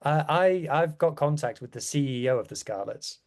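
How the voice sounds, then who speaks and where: A man's voice: a little high, animated, moderate pace, a little mellow. A man chatting casually as a rugby podcast guest, with wry, self-deprecating asides. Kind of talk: casual chat.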